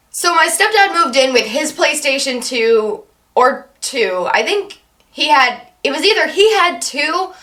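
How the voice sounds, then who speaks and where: A young woman talks casually to her camera, her voice bright and a little high but worn and strained from tiredness. She rambles and sidetracks, poking fun at herself as she goes. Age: young adult. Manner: rambling, self-deprecating, quick asides. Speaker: vlogger.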